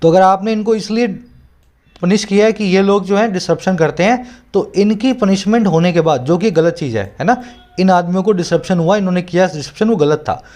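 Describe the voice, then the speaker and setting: An English tutor with a high-pitched, darkish voice talks fairly quickly, explaining a newspaper editorial in Hindi sprinkled with English terms. He has an Indian English accent and often checks that the learner is following.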